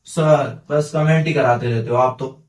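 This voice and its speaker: A man's voice: mid-range voice, steady tone, unhurried, a little mellow, pitched below the performer's own voice, natural voice. A man doing a whiny grumbling student. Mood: complaining. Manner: grumbling, protesting, self-pitying. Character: whiny complaining student, young. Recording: echoey room, mic far off.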